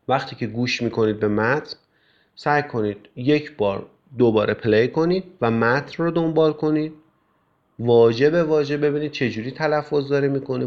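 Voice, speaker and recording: A male English teacher explains step by step how to study with a textbook, often using filler sounds. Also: mid-range voice. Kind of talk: classroom explanation. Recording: slightly dull, lo-fi recording.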